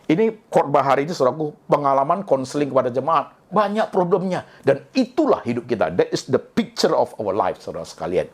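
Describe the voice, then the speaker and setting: A man's voice: mid-range voice, big pitch swings, fairly quick, hardly any pauses, husky. A middle-aged man from Indonesia preaching a sermon, often addressing his listeners directly and mixing in English phrases. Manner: mixes English phrases into speech. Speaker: pastor.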